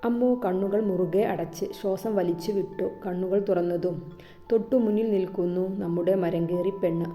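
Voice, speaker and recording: A woman narrating a romantic audio story in a calm, even storytelling manner. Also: on the low side, moderate pace, soft background music.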